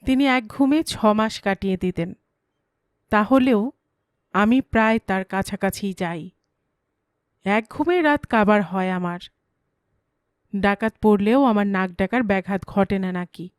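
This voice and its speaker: A woman narrating a comic story in a lively, playful storytelling way, close to the mic. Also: mid-range voice, measured pace, pauses often, smooth, no room sound.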